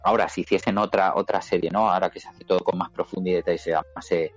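A man's voice: low voice, steady tone, fast, highs cut off, faint music behind. A man with a Spanish accent, born in Murcia and raised in Madrid, chatting casually on a podcast in a rambling way, repeating his words and swearing now and then. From Murcia, Spain; raised in Madrid. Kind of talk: casual chat.

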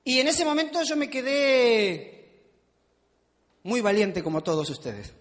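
High-voiced male preacher, reverberant hall. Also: a little slow. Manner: conversational, asks the audience questions; self-mocking humor. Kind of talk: sermon.

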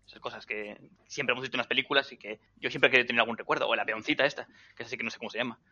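A man chatting excitably on a podcast, casually swearing. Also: mid-range voice, rapid-fire. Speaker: podcast co-host. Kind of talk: casual chat. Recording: dull lo-fi sound.

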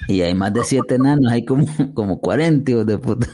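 A man with a Central American accent hosting a podcast, teasing in slow, emphatic, repetitive casual chat. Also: medium pitch, lively intonation, warm tone, slightly rough. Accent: Central American Spanish. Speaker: podcast host.

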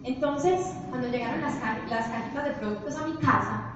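A young woman giving a motivational business presentation, telling stories to an audience with lively animation. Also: sits high, normal speed, background noise. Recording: echoey hall, distant, dull.

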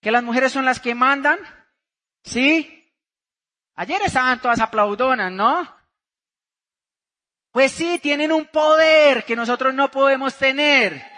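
A motivational speaker from Santander, Colombia, his accent plain as he spins a personal story for the audience. His voice sits very high and rings bright and forceful. He keeps turning to the crowd with questions. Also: slow, pauses often. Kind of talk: motivational seminar talk to a live audience.

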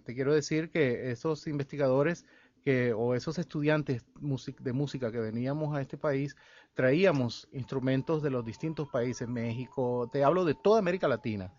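Man, from El Salvador, radio interview guest, halting with fillers, mid pitch, dull lo-fi broadcast sound. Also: a little mellow. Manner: halting, with many fillers and restarts. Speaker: guest musician and researcher. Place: radio studio.

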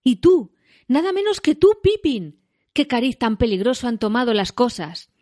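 A woman's voice: mid-range voice, animated, measured pace, darkish tone, no room sound, clean studio sound, close to an everyday voice. A grave old wizard speaks in short, stern commands, as a woman reading the story puts him on. He sounds firm and unbending, a storybook figure used to being obeyed. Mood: alarmed, stern.

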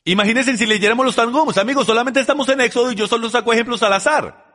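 A man's voice: very high-pitched, quick pace, pushed and bright. A man giving an emphatic teaching sermon, speaking straight to his audience. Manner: emphatic, addresses the audience directly. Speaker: Bible teacher. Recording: long hall reverb.

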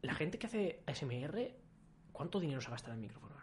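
A man co-hosting a podcast in casual chat. He talks in an animated way and mimics other people's voices. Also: a little high, a little fast, slight background noise. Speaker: podcast co-host.

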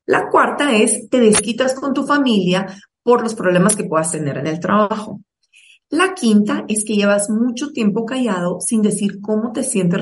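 Recorded from a distance, a Guatemalan woman with a medium-pitched voice gives a motivational online talk. She speaks straight to her listeners, persuading and encouraging them.

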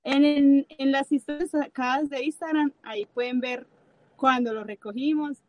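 A woman's voice: high voice, steady tone, moderate pace. A talkative Colombian woman, a guest, who rambles and keeps correcting herself. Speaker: guest, van traveler. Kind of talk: casual chatty interview.

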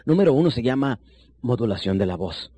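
Fast-talking sales trainer, man. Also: sing-song, mellow, breathy edge. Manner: shifts between fast bursts and low slow emphasis; addresses listener directly as compañero. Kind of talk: recorded sales seminar lesson.

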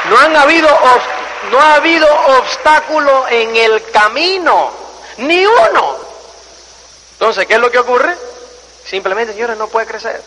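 Man, motivational speaker, high voice, acts out stories, faint background noise. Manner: animated storytelling, acts out scenes and voices; repeats phrases for emphasis, asks the audience questions. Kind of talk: motivational talk to an audience. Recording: long hall reverb, faint noise.

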